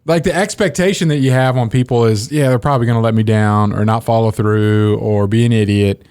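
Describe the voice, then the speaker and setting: Male co-host, casual chat, joking, lively storyteller. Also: on the low side, brisk, clear, resonant tone. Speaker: podcast co-host.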